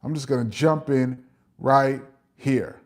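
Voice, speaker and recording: A man's voice: mid-range voice, fairly even intonation, takes it slowly. A middle-aged man with a New York accent, hosting a casual live chat and reading out viewer comments, chatty, with frequent "um" fillers and laughs.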